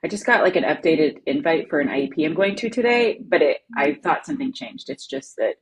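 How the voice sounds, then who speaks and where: Low husky-voiced woman chatting. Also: expressive, fairly quick, poor audio. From lives in Ohio. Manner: chatty, laughs often, says "like" a lot. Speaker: educational advocate co-hosting a live stream. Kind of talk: casual chat answering viewer comments.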